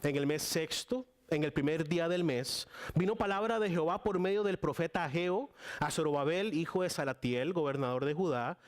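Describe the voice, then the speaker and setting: A man's voice: on the high side, normal speed. A young Costa Rican man with a Costa Rican accent, preaching a casual guest sermon with lots of fillers and restarts. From Costa Rica. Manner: chatty and warm with frequent fillers and restarts.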